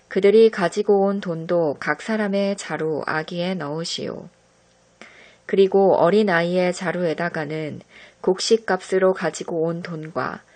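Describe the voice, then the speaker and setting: Calm woman reading scripture aloud. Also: lowish voice. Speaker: scripture reader. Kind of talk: devotional Bible reading.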